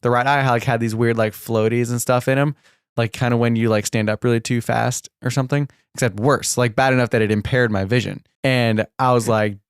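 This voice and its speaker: A man's voice: mid-range voice, steady tone, brisk, clean tone, no echo, studio quality. A young man co-hosting a podcast, telling a long story in a rambling, casual way, laughing often and saying "like" a lot. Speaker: podcast co-host.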